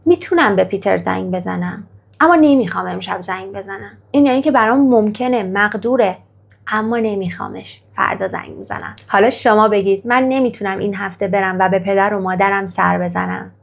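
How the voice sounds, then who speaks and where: A woman teaching an English grammar lesson, with a gravelly edge to her voice. She pronounces example sentences slowly and deliberately, then explains them and encourages the listener after each practice line. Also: mid-range voice. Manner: slow, careful model sentences in English, then Persian explanation; coaxing, praises the viewer after each exercise.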